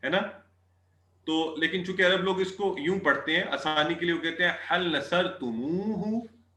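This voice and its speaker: Bright-voiced male teacher in an echoey room. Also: high-pitched. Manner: repeats Arabic phrases slowly, checks understanding often. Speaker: Arabic teacher. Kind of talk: online class lecture.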